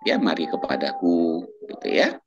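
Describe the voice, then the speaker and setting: A lower-pitched man speaking with a sweeping, expressive melody, sharing a faith testimony on a talk show. He tells it as lively storytelling, acting out quotes and chuckling between points. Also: moderate pace, dull audio, noisy background. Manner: animated storytelling, quoting others, frequent chuckles. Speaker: doctor and church minister sharing testimony.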